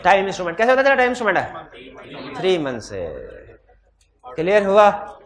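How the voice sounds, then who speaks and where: A man teaching law in a hybrid classroom. He has a sore throat, speaks loudly into a microphone, and keeps putting questions to his students. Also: high-pitched, sing-song, a little fast. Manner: quizzes students with repeated questions. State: throat trouble, talking loudly. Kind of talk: classroom lecture.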